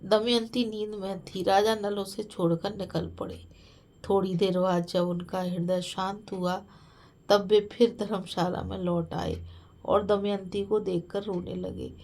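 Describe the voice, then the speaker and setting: A woman storyteller narrates an ancient epic in a measured, solemn voice. Her pitch sits in the middle for a woman. She reads at a very unhurried pace. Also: steady tone, a little mellow, poor audio.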